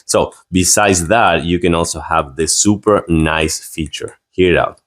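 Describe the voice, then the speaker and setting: A man's voice: low voice, measured pace, a bit bright. A man giving a casual product review and demonstration in a rambling, repetitive way.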